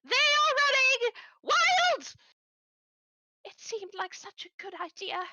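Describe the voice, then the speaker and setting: A small male goblin tinkerer, frantic and rambling, his voice shooting up high and bright into panicked yelps , played by a woman. The dry sound has no room echo. This is tabletop game role-play. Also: very animated, slow, heavily acted.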